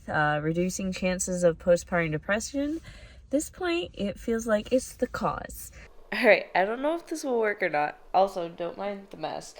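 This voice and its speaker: A young adult woman talking casually to camera in a candid, self-deprecating, chatty way, like a vlogger. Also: medium pitch. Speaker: vlogger and writer, new mother. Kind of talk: casual vlog talk to camera.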